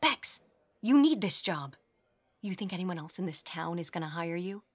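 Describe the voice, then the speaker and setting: A woman's voice: lowish voice, lively intonation, moderate pace, slightly rough. An actress playing a stern, anxious woman manager who scolds a worker, in a fiction podcast drama. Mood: scolding. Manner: urgent, scolding.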